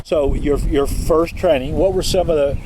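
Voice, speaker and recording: Halting man hosting outdoors. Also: a little high. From Kentucky. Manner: halting, many fillers and restarts. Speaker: podcast host. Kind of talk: casual interview. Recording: outdoor recording with wind noise.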